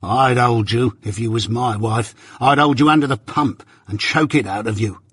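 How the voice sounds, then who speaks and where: Surly journeyman smith for an audiobook, male reader: gruff growl, rustic dialect, grudging, jealous, spoiling for a fight. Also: medium pitch, normal speed, fairly bright tone, no room sound, studio quality, in a large hall. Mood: menacing.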